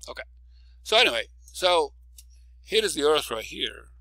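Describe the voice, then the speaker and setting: A male physics professor records a video lecture with a bright, lively voice that climbs whenever he stresses a key word. He walks through the problem step by step and keeps asking "okay?" to check in. The sound is dry and close, with no room echo. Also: normal speed. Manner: explains step by step, asks "okay?" often; stresses key words with rising pitch.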